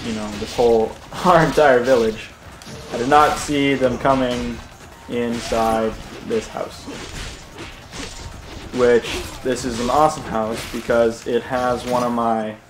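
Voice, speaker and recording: A man giving casual gameplay commentary, rambling and joking and correcting himself as he goes. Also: medium pitch. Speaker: let's play host. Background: game music and sounds.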